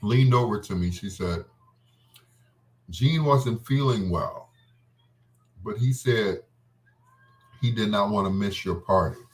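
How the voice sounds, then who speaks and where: A radio host with a lowish male voice speaks slowly, leaving long pauses. Between love songs, he rambles casually through personal stories, reminiscing as he goes.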